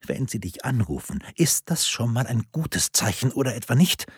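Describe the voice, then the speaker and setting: Frightened pleading mother, voiced by a man, raised pitch, very husky, dry. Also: sing-song, moderate pace, no echo. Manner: pleading, panicked.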